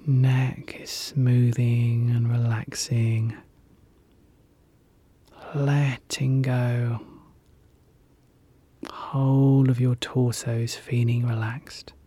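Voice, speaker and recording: A slow, breathy whispering hypnosis guide. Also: medium pitch, level tone. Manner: soft whispering, soothing repetition. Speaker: relaxation guide. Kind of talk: guided hypnosis relaxation, ASMR.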